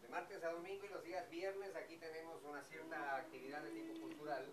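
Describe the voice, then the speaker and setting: A café owner from Ecuador, a man in his fifties, explains things at length in casual chat on an outdoor café patio, emphatic and repeating himself. His voice is a little high with a steady tone and a fairly quick pace. A far camera on a table serves as the mic, picking up music and heavy background noise.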